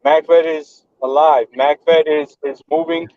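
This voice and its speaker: A man's voice: a little high, fairly even intonation, slow pace, no room sound. Earnest man, muffled dry call audio. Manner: earnest, repeats phrases while building a point. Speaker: podcast host and event organizer. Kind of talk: casual chat.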